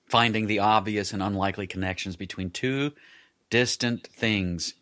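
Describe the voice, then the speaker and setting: A man's voice: fairly low pitch, steady tone, normal speed, a bit bright. A man with an Appalachian accent hosting a podcast in a casual, chatty style. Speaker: podcast host.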